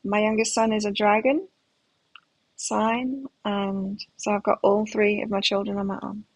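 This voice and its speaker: A middle-aged tarot reader with a blend of British and Australian accents chats and muses aloud while reading cards live. Her mid-range voice stays level and measured; the sound is dry, with no echo, but low in quality.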